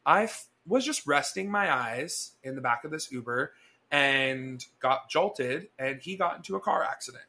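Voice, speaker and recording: A man's voice: on the high side, normal speed. A young man co-hosting a podcast, chatting casually and acting out the people in his stories. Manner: animated, chatty, acts out dialogue. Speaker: podcast co-host. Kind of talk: casual storytelling chat.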